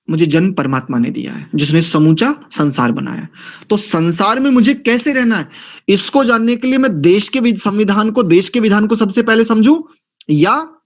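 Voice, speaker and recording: A man's voice: high voice, lo-fi sound. A man teaching a scripture class, lecturing in a rhetorical, questioning way. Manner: rhetorical, questioning, acts out quoted excuses. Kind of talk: Hindi religious lecture.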